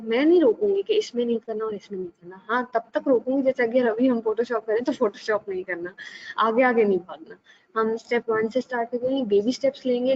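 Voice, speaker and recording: A woman teaching a live online design class, patient and steady, often checking that students follow. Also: on the high side, muffled recording. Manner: patient, repeats "ठीक है" to check understanding.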